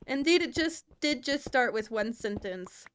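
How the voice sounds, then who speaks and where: A woman's voice: a little high, expressive, unhurried, clean tone. Playful Southern woman streamer. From Southern United States. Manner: playful, laughs often, stumbles over words. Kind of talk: casual livestream chat.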